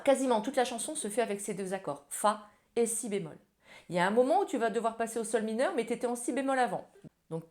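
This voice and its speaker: A woman giving a casual ukulele lesson, talking informally and directly to the viewer. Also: on the high side. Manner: friendly, informal, addresses viewer as tu. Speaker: ukulele teacher. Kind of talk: casual music tutorial. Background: ukulele playing.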